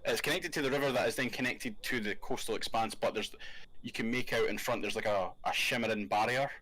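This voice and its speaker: A man's voice: mid-range voice, brisk, pushed and bright, no echo, low-quality recording. Man narrating a tabletop game. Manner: casual, swearing, giggly. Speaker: game master.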